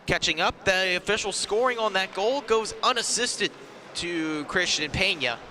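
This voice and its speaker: A man's voice: high-pitched, moderate pace, sharp tone. Man calling hockey play-by-play, noisy background. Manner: clipped phrases following the play. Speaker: play-by-play ice hockey commentator. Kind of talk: live sports commentary. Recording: noisy rink ambience around the mic.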